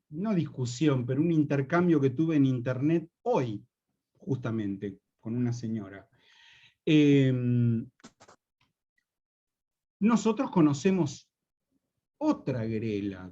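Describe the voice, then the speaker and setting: A man in his fifties with a Rioplatense Spanish accent teaches a university class online. He speaks very slowly and patiently, in a fairly high voice, and stops to check that his students follow. The audio sounds dull and lo-fi. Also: darkish tone. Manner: slow, explanatory, repeats key points, asks if students follow. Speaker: university lecturer. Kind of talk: online lecture on slang.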